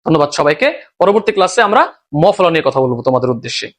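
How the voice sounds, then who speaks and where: High-voiced Bangladeshi Bengali teacher. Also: male voice, lively intonation, rapid-fire. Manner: explains step by step, asks and answers his own questions. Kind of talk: recorded grammar lesson.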